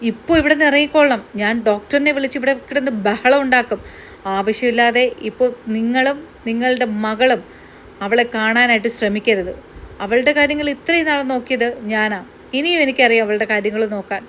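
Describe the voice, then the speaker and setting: A woman voicing a bitter middle-aged woman who talks in a shrill, fast, accusing way. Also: fairly bright tone, slight background noise, close to an everyday voice. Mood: furious. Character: bitter middle-aged woman guarding her sick sister.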